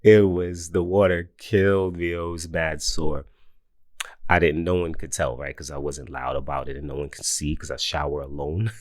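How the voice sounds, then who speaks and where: A man in his forties telling a casual personal story, animated, often laughing and mimicking others in high voices. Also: normal speed, dry recording, clean studio sound. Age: 40s. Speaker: host.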